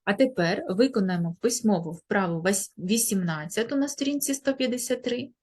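Primary teacher, female, husky tone, patient lesson delivery with stretched-out example words. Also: mid-range voice, lively intonation, normal speed, a little mellow. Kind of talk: grammar lesson for children.

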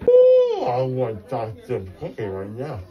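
A man's voice: medium pitch, huge pitch swings, slow, lo-fi sound. A young man with a mouth full of gauze after wisdom teeth surgery, rambling in a groggy, slurred way at a dental office. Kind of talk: rambling, loopy chatter.

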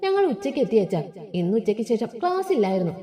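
A spoiled, scornful young bride-to-be, as a woman storyteller voices her. She sounds sneering and self-assured, pitched a little high in a dark, mellow tone. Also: sing-song, fast talker.

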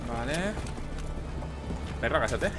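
A man from Spain with a Spanish accent, commenting excitedly on a game he plays, swearing often and yelping at the action. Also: medium pitch, takes it slowly. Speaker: gaming streamer. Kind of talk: let's play commentary. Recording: game music behind.

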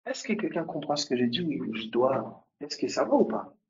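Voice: mid-range voice, very animated, moderate pace, darkish tone, highs cut off, slight background noise. A preacher giving a sermon, emphatic and repetitive, speaking straight to the listeners. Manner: emphatic, addresses listeners directly and repeats key points.

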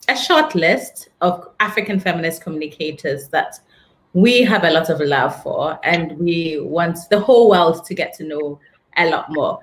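Effusive woman host, low voice. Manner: effusive, praising, laughs often. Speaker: interview host. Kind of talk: casual video-call interview. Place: indoor office with a frosted glass wall. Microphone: video call.

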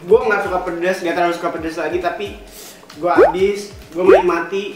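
A man's voice: high-pitched, fairly even intonation, fairly quick. A young man bantering casually while he eats. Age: young adult. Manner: talking while eating. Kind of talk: casual food challenge banter. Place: indoor room at home, at a table. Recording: echoey room, music behind.

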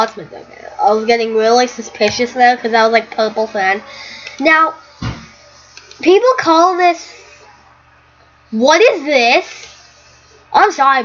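A woman's voice: on the high side, fairly bright tone, muffled recording. A young woman talking casually over her own gameplay as a YouTuber, rambling and easily startled. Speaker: gaming YouTuber.

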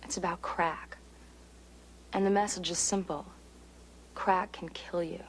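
A woman's voice: lowish voice, steady tone, unhurried, a little hiss or hum, rough recording. A woman delivering an earnest, grave anti-drug public service announcement to camera.

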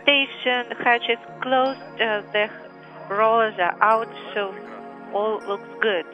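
A man's voice: high voice, fairly even intonation, slow. A man acting as a mission control communicator who speaks over a space radio communications loop in clipped, procedural call-and-confirm phrases. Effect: space radio comm-loop sound. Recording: muffled radio loop with music behind.

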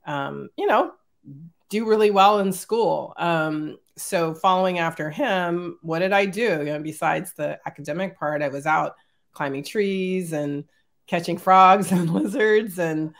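A middle-aged woman, an executive, telling childhood stories as an interview guest over a video call, animated and laughing often. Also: lowish voice. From born in Germany, raised in Northern California. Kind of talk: casual storytelling.

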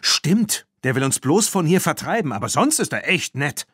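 A man's voice: mid-range voice, very animated, moderate pace, no echo, clean studio sound, pitched above the performer's own voice. A man voicing a spirited, outspoken young girl in an audiobook, in a snappy, raised voice. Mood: indignant. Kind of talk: audiobook character voice.

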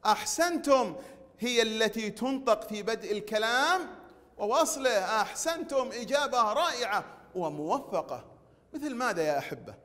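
A man teaching a recorded language lesson, drawing out words slowly and praising the pupils. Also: very high voice, expressive, fairly bright tone. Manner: slow drawn-out pronunciation drills with praise. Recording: long hall reverb.

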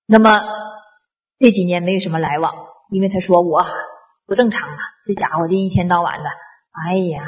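A woman addresses an audience. She tells personal stories in a colloquial, animated way, acting out dialogue and often restarting her sentences. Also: fairly low pitch, brisk, long pauses. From northeast China. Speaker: public speaker on traditional culture. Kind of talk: storytelling talk to an audience.

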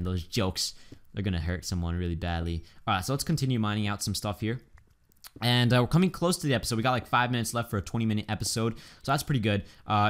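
A man's voice: on the low side, clear, resonant tone. A man giving casual, chatty let's-play commentary, upbeat and full of ums and likes. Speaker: gaming YouTuber.

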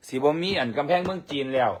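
Husky-voiced Isan Thai man bickering on a live stream. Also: fairly high pitch, fast. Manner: teasing, protesting, addresses viewers as brothers and sisters.

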